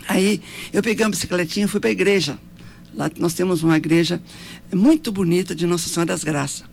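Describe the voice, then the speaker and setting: A woman's voice: fairly low pitch, fast, creaky, darkish tone. A woman in her seventies with a Brazilian accent, telling her life story in an interview in an earnest, devout way, often ending with tag questions. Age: 70s.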